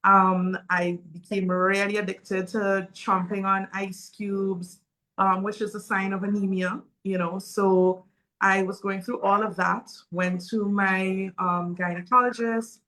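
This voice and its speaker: A woman's voice: medium pitch, flat delivery, unhurried, pushed and bright, low-quality recording. A woman in her forties from Saint Vincent and the Grenadines, telling her personal story earnestly and openly as a panel guest. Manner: earnest, open, with frequent um fillers. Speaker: guest speaker.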